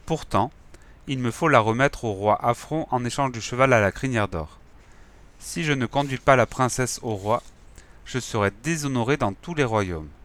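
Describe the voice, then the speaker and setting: A man's voice: mid-range voice, normal speed, fairly bright tone, natural voice. A man doing an earnest young prince. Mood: plaintive.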